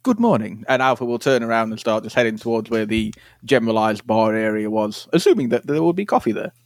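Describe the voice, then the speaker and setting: A man's voice: mid-range voice, lively intonation, fast talker, dry recording. Stiffly polite man playing a game character. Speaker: player. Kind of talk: tabletop role-play in character.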